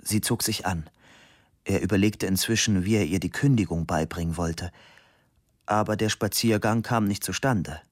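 A man reading a novel aloud as narrator, calm and measured. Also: sits low, no echo, clean studio sound. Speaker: audiobook narrator. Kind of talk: scripted narration.

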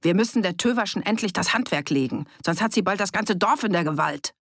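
A reader voicing a boastful village man who stirs up a pub crowd, raised and loud. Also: high voice, expressive, brisk, dry recording, studio quality, pitched above the performer's own voice, heavily acted. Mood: agitated. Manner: loud, rabble-rousing, boastful. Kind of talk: audiobook character reading.

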